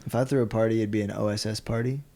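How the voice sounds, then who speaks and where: Goofy rambling podcast co-host. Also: male voice, fairly low pitch, steady tone, racing, mellow. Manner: rambling, goofy, laughs often. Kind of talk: casual comedic chat.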